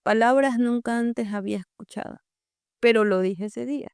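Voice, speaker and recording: A woman's voice: fairly high pitch, moderate pace, smooth, dry recording, studio quality. A young woman with an Ecuadorian accent telling her personal testimony as a podcast guest, acting out the voices of her family as she tells it. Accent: Ecuadorian Spanish. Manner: lively storyteller, acts out family voices.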